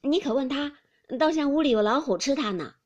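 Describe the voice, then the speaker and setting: A woman's voice: sits high, expressive, a little fast, darkish tone, highs cut off, pitched above the performer's own voice. A woman doing a wheedling young nobleman. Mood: blustering.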